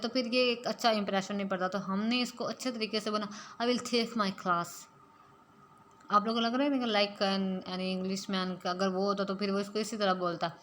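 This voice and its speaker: A woman gives a spoken-English lesson at a middling pitch. She explains patiently, step by step, and drops English phrases into her sentences. A faint hiss sits under the recording. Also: fairly bright tone. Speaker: English teacher.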